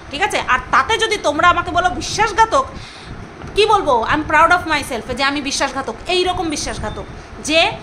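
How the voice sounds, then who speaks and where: An indignant woman vlogger tells her side of a quarrel in a very high, bright voice. She circles back and repeats her points and throws insults. A faint background hum sits under her voice. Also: low-quality recording. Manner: indignant, repeats herself, name-calling. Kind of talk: angry personal storytime vlog.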